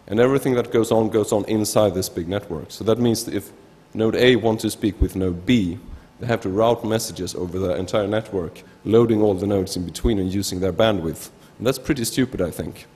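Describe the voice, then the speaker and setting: Speaking a little fast with few pauses, this researcher from Sweden has a lowish, darkish, slightly rough voice and a Swedish accent. He delivers an informal technical conference talk at a lectern in a big, echoing indoor hall, using a gooseneck lectern mic.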